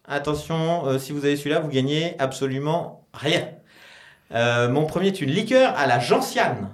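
A man's voice: a little high, animated, moderate pace. Playful man in an echoey room. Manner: playful, joking, laughs often. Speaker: podcast co-host. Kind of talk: casual chat, posing riddles. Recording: roomy.

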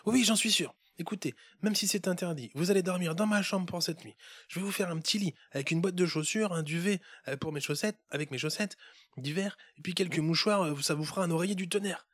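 A man voicing a bold, level-headed seven-year-old boy in a storybook tale, talking in a bossy, hushed way. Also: high voice, fast, breathy edge, no room sound, clean studio sound, voice pushed up. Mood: reassuring.

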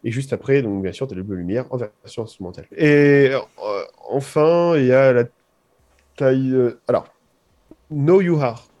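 A man's voice: mid-range voice, normal speed, a little mellow. A young man hosting a casual podcast chat about film music, rambling and hesitant, with jokey asides. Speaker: podcast co-host.

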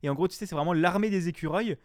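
A young man chats casually about a video game on a stream. His speech rambles, full of slang, swearing and fillers. His voice sits a little high, and the sound is dry and close. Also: very fast, no echo. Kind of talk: casual chat.

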